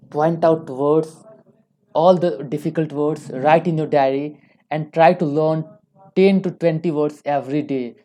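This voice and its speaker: Here an online English teacher, a young Indian-accented woman, runs a relaxed lesson and says key phrases more than once for emphasis. She speaks in a low, mellow register.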